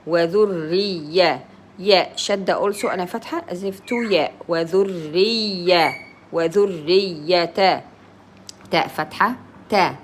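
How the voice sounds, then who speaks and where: A Quran reading teacher, a woman with a lowish voice, gives a slow, letter-by-letter recitation lesson with slight background noise. She sounds out each Arabic letter and vowel mark, then explains in simple English.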